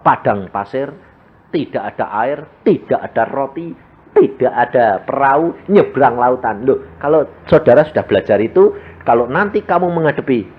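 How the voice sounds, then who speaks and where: A man preaching a sermon with a Javanese accent, animated and joking, tossing rhetorical questions at the congregation. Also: mid-range voice, moderate pace, breathy edge, narrow, tinny audio. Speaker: evangelist preacher.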